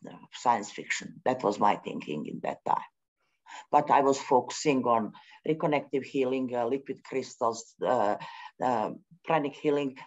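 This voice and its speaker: Woman speaking slowly and animatedly. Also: sits low. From Bosnia. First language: Bosnian. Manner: halting, searching for words with many pauses; non-native English grammar. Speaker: forum speaker. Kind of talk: spontaneous spiritual talk. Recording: dull lo-fi recording.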